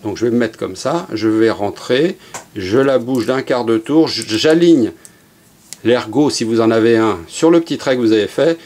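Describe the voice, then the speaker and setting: With a medium-pitched voice at a moderate pace, a middle-aged man runs a hands-on archery workshop. His delivery is easygoing and talkative, peppered with fillers and asides.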